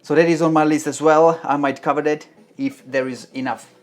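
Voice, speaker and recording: With faint music behind him, a man with a slightly high voice speaks at a moderate pace in a steady tone, with the Czech accent of his native Czech Republic. He hosts a live stream Q&A from a Melbourne home office, reading chat aloud about web development tutorials and often starting sentences over.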